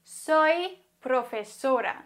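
Woman teacher from Germany, high voice, unhurried delivery, methodical explainer. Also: expressive, fairly bright tone. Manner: slow, deliberate explaining, carefully spelling out each example. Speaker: Spanish teacher. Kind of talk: grammar lesson.

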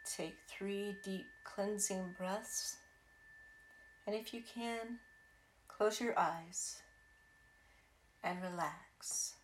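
A woman leading a guided meditation in a soothing manner, speaking in short phrases with long pauses between them. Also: medium pitch, fairly even intonation, echoey room, a little hiss or hum. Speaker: podcast host and meditation guide. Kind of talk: guided meditation over sound healing. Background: singing bowls, chimes and ringing tones.

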